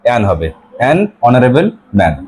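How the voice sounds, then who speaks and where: Teaching a grammar class, this man from West Bengal, India, questions his pupils over and over and echoes their answers back, reading the English example sentences slowly and carefully. His medium-pitched voice swings widely in pitch and has a darkish, slightly rough tone.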